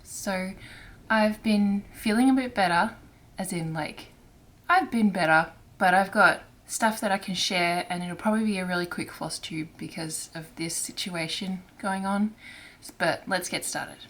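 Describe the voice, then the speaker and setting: On her crafting vlog, a woman who does cross-stitch talks casually in a soft, hesitant way, often starting over. Her voice sits on the low side and sounds raspy and hoarse because her throat is irritated.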